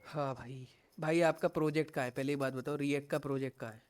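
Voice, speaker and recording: A man's voice: medium pitch, steady tone, quick pace, clear, resonant tone. A young man giving a live online coding class, patiently guiding students through errors and mixing English tech terms into his speech. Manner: patient, reassuring, mixes English tech words into Hindi. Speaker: coding instructor.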